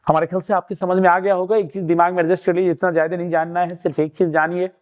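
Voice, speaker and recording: A man's voice: sits high, level tone, very fast, highs cut off. Hindi-speaking man teaching an exam lesson. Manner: explaining step by step, asking and answering his own questions; urging students to keep watching.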